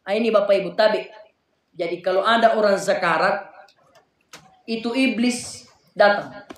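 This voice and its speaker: A male preacher with a South Sulawesi accent giving a casual, animated sermon and addressing the congregation directly. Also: high-pitched, moderate pace. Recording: echoey hall, voice far from mic.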